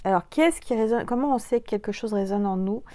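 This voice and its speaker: A woman gives a relaxed spiritual card reading into her phone. She speaks to the viewer as "you" and fills her pauses with "euh" and "alors". The sound is dry and close, with almost no room around her voice. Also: fairly high pitch, dry recording. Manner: chatty, hesitant, many fillers, addresses viewer directly. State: coughing, throat irritated. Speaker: tarot and oracle card reader.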